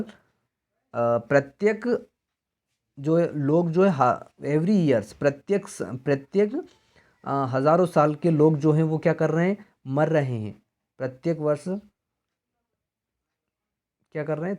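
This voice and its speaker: A man's voice: fairly high pitch, a little mellow. A man teaching exam grammar, who keeps asking his students questions and answering them himself. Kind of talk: exam-prep grammar lesson.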